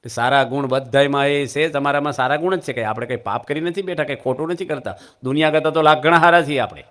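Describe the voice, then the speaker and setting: Storytelling Gujarati monk preacher. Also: male voice, fairly high pitch, fast talker, a bit bright. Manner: storytelling, humorous asides to the audience. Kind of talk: Gujarati religious discourse with anecdotes.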